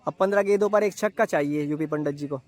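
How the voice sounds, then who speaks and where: High-pitched excited male cricket commentator. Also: fast talker. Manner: repeats stock phrases, announces each ball.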